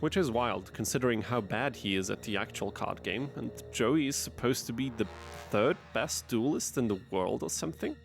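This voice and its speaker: Male game-channel narrator, mid-pitched, deadpan wry commentary over faint music. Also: moderate pace, gravelly. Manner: wry, dry asides. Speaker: gaming video narrator. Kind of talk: scripted gameplay commentary.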